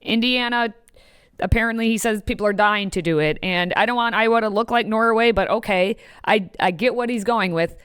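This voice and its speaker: A woman's voice: mid-range voice, fairly quick, a bit bright, clean tone, dry recording, clean studio sound. A woman in her thirties co-hosting a live-streamed talk show, playful and sarcastic. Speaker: co-host.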